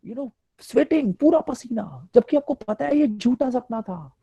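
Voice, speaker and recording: A man giving a motivational stress-management talk to teachers, playful and animated, acting out little quotes. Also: very high-pitched, unhurried, vocal fry, breathy edge, dry recording. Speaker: motivational speaker.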